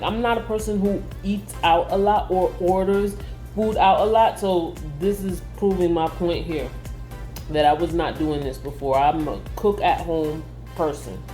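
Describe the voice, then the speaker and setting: Woman, lowish pitch, soft mellow tone, casual vlog chat, conversational, music in the background. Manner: conversational, frequently saying "like". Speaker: vlogger.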